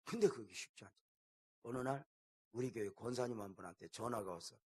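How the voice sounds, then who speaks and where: A middle-aged man preaching a revival sermon as pastor, telling stories and swinging between loud bursts and hushed quoted lines. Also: medium pitch, brisk, husky.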